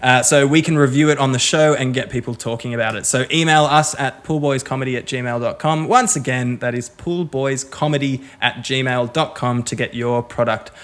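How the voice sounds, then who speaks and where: A man's voice: medium pitch, fairly even intonation, normal speed, few pauses, fairly bright tone. A man co-hosting a casual comedy podcast, running through plugs and contact details with dry little asides. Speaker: podcast co-host.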